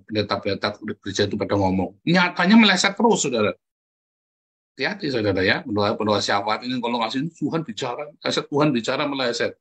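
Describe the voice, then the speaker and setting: A husky man preaches with a lot of life. His pitch keeps jumping upward when he drives a point home. He turns to his listeners again and again with direct questions. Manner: animated, jumps high in pitch for emphasis, keeps calling out "saudara". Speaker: pastor. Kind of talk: lively sermon addressing the congregation.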